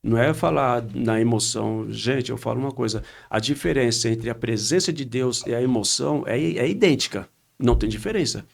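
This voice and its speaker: Gravelly-voiced pastor telling a testimony. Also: male voice, a little fast. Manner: animated retelling with quoted dialogue, rising pitch when excited. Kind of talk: storytelling a testimony on a podcast.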